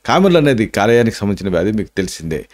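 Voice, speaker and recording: A man's voice: lowish voice, big pitch swings, very fast, darkish tone. A man, an Ayurvedic doctor giving health tips and explaining symptoms and home remedies. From India.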